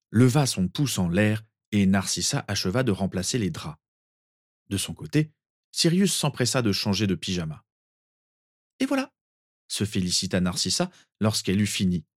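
A man calmly narrating a story with a measured reading. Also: lowish voice, no room sound, clean studio sound.

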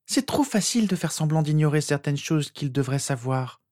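A man voicing a skeptical, teasing teenage girl with sharp retorts. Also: fairly high pitch, lively intonation, moderate pace, no room sound, clean studio sound, pitched above the performer's own voice, close to an everyday voice. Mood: mocking. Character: mocking skeptical teenage girl, Harry's sister.

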